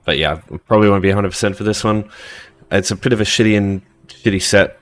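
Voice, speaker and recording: A man's voice: on the low side, steady tone, fast talker. A man hosting a casual game walkthrough, informal and rambling with many ums and uhs, and he is losing his voice. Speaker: game guide host.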